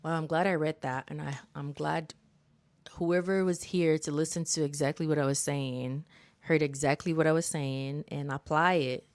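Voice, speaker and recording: Low-voiced woman hosting a motivational stream. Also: fairly even intonation, normal speed. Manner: earnest, motivational, casually swearing. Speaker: livestream host. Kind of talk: casual self-help commentary.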